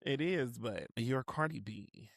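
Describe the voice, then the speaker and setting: A man's voice: mid-range voice, measured pace, vocal fry, breathy edge, no room sound. Wry man podcast co-host, dry voice. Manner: relaxed, wry, trailing off and restarting. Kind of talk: casual chat.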